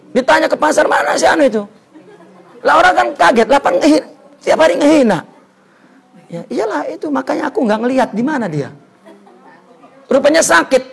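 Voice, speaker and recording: A man's voice: very high voice, gravelly, breathy edge. A man teaching a religious study lesson, telling stories, repeating words for emphasis and reciting Arabic before explaining it.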